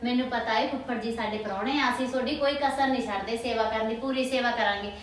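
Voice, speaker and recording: Woman playing a fast-talking young village wife. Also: fairly high pitch, steady tone, a little hiss or hum, close to an everyday voice. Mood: placating. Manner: fast, placating chatter. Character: young village wife, flustered and eager to please. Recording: echoey room, distant mic.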